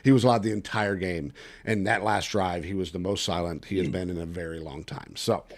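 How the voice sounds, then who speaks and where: A man hosting a casual sports podcast, animated and ranting with quick asides. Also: low-pitched. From Texas. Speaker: podcast host.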